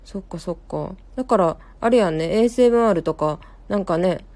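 Chatty Kansai woman, mellow low voice. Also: brisk. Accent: Kansai Japanese. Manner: chatty, rambling, many fillers and self-corrections. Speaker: live-stream host. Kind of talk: casual live-stream chat reading viewer comments.

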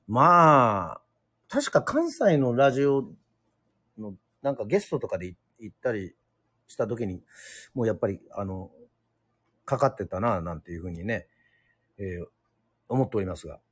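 A man from Yoron Island hosting a casual solo radio talk, speaking hesitantly with many fillers and pauses. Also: lowish voice, big pitch swings, fairly bright tone, husky, no room sound. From Yoron Island, Japan. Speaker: radio show host.

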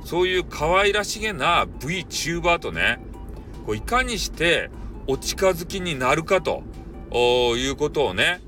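A man's voice: fairly high pitch, big pitch swings, unhurried, pushed and bright, soft background music. A man with a Kyushu Japanese accent rambling casually on a solo show, in a playful mix of mock-polite phrasing and dialect, recorded at some distance from the mic.

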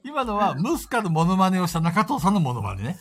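Playful, high-voiced male podcast host. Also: sing-song, brisk, slight background noise. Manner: teasing, laughs often, pushes others to do impressions. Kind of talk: casual chat.

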